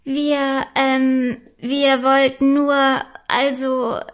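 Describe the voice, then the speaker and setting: Eager little princess girl, high and breathless, read by a woman. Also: unhurried, fairly bright tone. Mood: excited.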